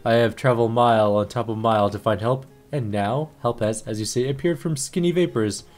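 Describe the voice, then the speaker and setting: A man voicing a grieving middle-aged widow who speaks halting, broken English with odd idioms, over faint game music. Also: medium pitch, darkish tone, close to an everyday voice. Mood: earnest.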